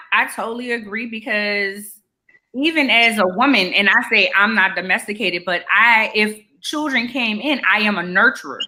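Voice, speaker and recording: A woman in her forties co-hosting a podcast, speaking frankly and personally in animated conversation. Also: mid-range voice. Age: 40s. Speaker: podcast co-host. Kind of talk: candid conversational chat.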